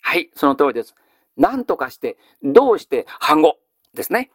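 A man's voice: a little high, very animated, no room sound, clean studio sound. Male teacher quizzing a class. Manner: measured, quizzing, then answering own questions. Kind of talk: classical Japanese grammar lesson.

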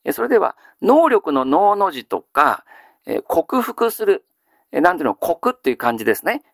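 A male teacher giving a grammar lesson, asking questions and answering them himself, with frequent drawn-out fillers. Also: a little high, creaky, dry recording, clean studio sound. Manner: steady lecturing with many drawn-out fillers; quizzes listeners then answers himself. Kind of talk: classical Chinese grammar lesson.

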